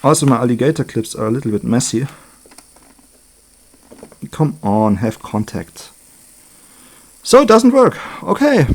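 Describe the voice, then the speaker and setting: A hobbyist with a medium-pitched, very animated voice gives an unscripted, hands-on electronics demonstration. He thinks aloud in short, halting remarks.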